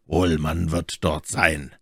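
A man reading an audiobook, voicing a scornful English lord in a low, dry, subdued tone. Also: level tone, slow, gravelly, a bit bright, husky, no echo, full character voice. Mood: curt. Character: scornful male English lord, cool and curt.

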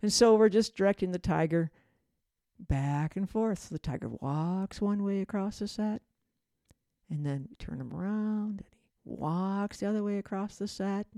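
A woman's voice: medium pitch, normal speed, mellow, no echo, studio quality. A middle-aged woman hosting a storytelling show, talking casually and rambling with many fillers and restarts. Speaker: host and storyteller.

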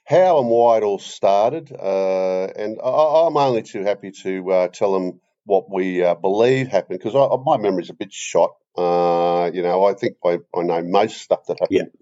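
Hosting a comedy podcast conversation, an older man with a deep voice and an Australian accent rambles in a halting, deadpan manner, captured on a slightly dull recording.

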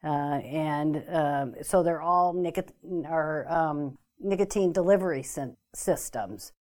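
Speaking slowly in a low, darkish voice, a woman appears as a guest expert on an informational talk show. She explains things carefully but hesitantly, with many ums and restarts.

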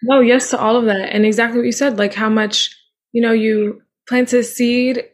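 A woman's voice: fairly high pitch, steady tone, normal speed, slight background noise. A woman hosting a podcast, chatting eagerly and agreeing with her guest, rambling with "like" and "you know.". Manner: enthusiastic, agreeing, rambling with fillers. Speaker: podcast host. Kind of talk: casual conversational chat.

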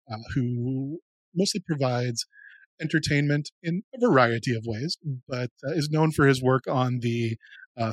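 A man at a tabletop game describing his character in a relaxed way, with frequent filler words. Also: mid-range voice, slightly rough, no echo. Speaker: player.

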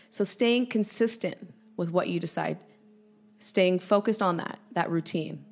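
Lively woman educator on a podcast. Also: lowish voice. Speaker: educator guest. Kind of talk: podcast interview.

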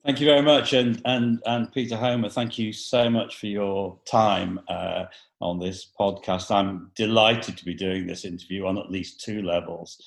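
A man's voice: on the low side, steady tone, normal speed, vocal fry. A man interviewing a guest over a remote call, courteous, with small restarts. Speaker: interviewer, chief executive.

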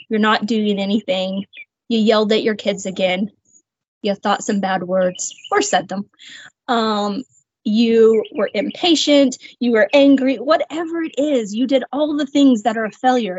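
Husky, earnest woman sharing testimony. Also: fairly high pitch, a little mellow, dry recording. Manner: earnest, reflective, with light laughs. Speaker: guest sharing her faith story. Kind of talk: candid personal testimony. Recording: slightly muffled, dry sound.

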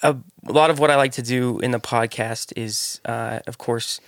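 A man hosting a casual podcast interview, opening with an energetic welcome and then chatting loosely with fillers. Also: mid-range voice, moderate pace, no room sound, clean studio sound. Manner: energetic hype intro, then relaxed with fillers. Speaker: podcast host.

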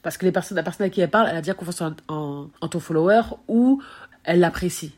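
Young woman podcaster, husky voice, super excited, chatty, slips into english a lot. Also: on the low side, quick pace. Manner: bubbly, excitable, mixes English phrases into French. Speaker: podcast host on branding. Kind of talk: casual solo podcast talk.

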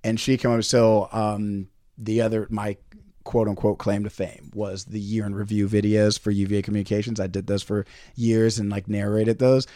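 A man's voice: on the low side, normal speed, dry recording, clean studio sound. Chatty young man telling rambling stories. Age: young adult. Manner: rambling, self-interrupting, animated storyteller. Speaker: podcast guest, former class president. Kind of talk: casual storytelling chat.

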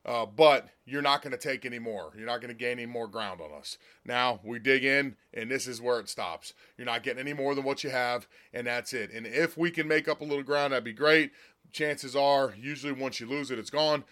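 An American man with a raspy, slightly hoarse smoker's rasp, giving blunt, folksy political commentary as a solo host. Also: medium pitch, fairly quick, a bit bright. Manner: blunt, folksy, emphatic with repetition. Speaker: political talk show host.

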